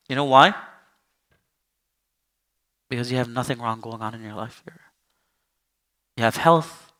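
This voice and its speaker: A male Islamic teacher with a fairly high, bright, forceful voice delivers a sermon-style lesson in a conversational tone. He keeps asking rhetorical questions. Now and then he acts out the people he quotes.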